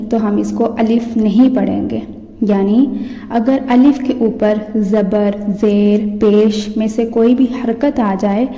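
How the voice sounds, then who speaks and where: A woman teaching Quran reading, drilling each syllable in a steady, deliberate call-and-repeat pattern. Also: on the high side. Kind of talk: slow instructional teaching with recited drills. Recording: echoey room with long reverb.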